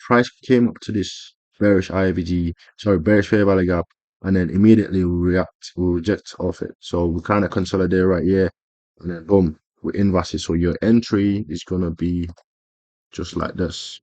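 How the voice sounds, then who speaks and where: A man's voice: sits low, fairly even intonation, normal speed, a little mellow, no room sound, highs cut off. A man explaining a trading strategy over his screen in a casual tutorial, rambling with frequent fillers and self-corrections. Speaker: trading educator.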